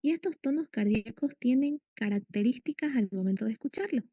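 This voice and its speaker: A woman's voice: a little high, expressive, brisk, warm tone, dry recording. A woman giving a medical lecture, explaining step by step and quizzing her students. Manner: explanatory, asks students questions.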